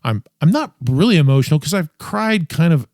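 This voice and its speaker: A middle-aged man hosting a podcast, telling a personal story in a quiet, tired, rambling way with many restarts. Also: a little high, animated, fairly quick, no room sound, clean studio sound. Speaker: podcast host.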